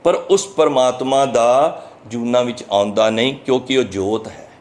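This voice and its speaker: A man with a Punjabi accent giving a sermon, explaining scripture line by line in an earnest, teaching manner and drawing verses out slowly before he explains them. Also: medium pitch, darkish tone. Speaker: Sikh preacher giving scripture commentary.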